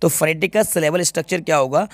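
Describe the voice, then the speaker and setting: A man's voice: fairly high pitch, quick pace, no room sound, studio quality. Man teaching a grammar lesson. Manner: explains step by step, often checks "clear?" with students. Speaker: English teacher. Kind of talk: exam paper walkthrough lesson.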